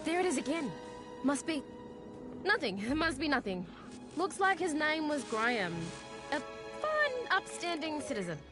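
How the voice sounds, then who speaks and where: A brash, animated young junk dealer. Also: female voice, high-pitched, normal speed, over music. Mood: cagey. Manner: sarcastic, cheeky, slangy. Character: brash, cagey young female junk dealer and tech tinkerer. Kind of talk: video game voice acting.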